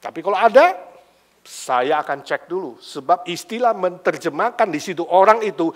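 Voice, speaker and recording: A man's voice: high voice, animated, normal speed. A man from Indonesia preaching a sermon as a pastor, telling stories and acting out the characters with bits of English and casual slang. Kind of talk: sermon with anecdotal storytelling.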